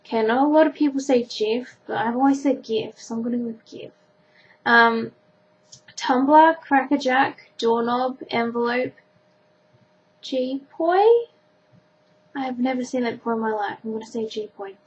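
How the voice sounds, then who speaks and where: Answering a questionnaire on camera, a sixteen-year-old Australian girl speaks a little slowly with long pauses, her pitch fairly high. Her chat is casual, informal, and self-deprecating. A faint background noise sits under the dull, lo-fi recording.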